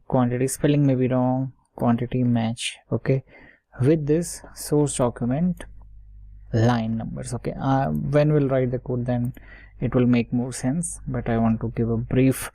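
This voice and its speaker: A man with a warm, medium-pitched voice leads an informal screen-share coding tutorial, explaining step by step and checking in with short tags like "okay" and "right" while muttering words as he types. There is no room sound.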